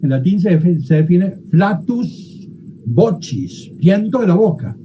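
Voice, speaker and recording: Animated, dark-voiced teacher. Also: medium pitch, slight background noise, low-quality recording. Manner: explanatory, often checks understanding with quick questions. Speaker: Bible teacher. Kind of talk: classroom lecture.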